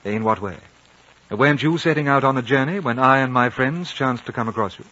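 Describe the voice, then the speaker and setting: On a dull old recording of a 1950s radio drama, a composed, reasonable British gentleman acts and narrates. His middle-pitched voice carries measured courtesy and a quietly probing air.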